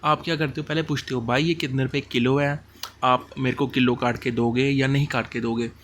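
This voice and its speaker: A man's voice: mid-range voice, fairly even intonation, a bit bright, slight background noise. Casual man teaching idioms in Hindi. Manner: explains idioms with homely examples, slow at English phrases. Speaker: exam prep teacher. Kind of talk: casual Hindi-English lecture.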